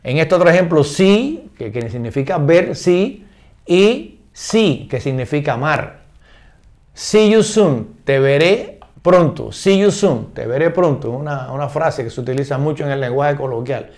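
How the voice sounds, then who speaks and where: An older man explaining English words in Spanish, patient and repetitive, slowing down to read English examples and often checking understanding. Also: a little high, lively intonation, darkish tone. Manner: reads English examples slowly and deliberately. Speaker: English teacher.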